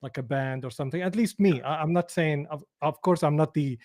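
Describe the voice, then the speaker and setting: A man's voice: on the high side, a little fast, darkish tone. A man from Syria co-hosting a podcast, whose first language is Arabic, asking curious questions casually and often restarting his sentences. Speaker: podcast co-host. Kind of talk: casual conversation.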